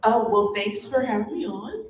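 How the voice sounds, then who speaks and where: A woman's voice: fairly high pitch, animated, normal speed. A woman speaking as a patient on a panel, giving an informal, hesitant personal account. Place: conference room. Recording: echoey room with background noise.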